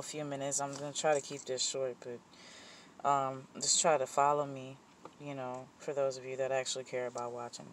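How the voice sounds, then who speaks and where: Over slight background noise, this medium-pitched vlogger vents openly, wandering off track with fillers and restarts and correcting himself often. Once worked up, the speech turns blunt and profane.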